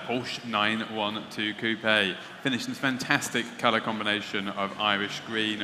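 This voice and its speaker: A man presenting auction lots as a specialist, with a semi-formal sales pitch and a halting delivery. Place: large auction hall. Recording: echoey hall, clear background noise.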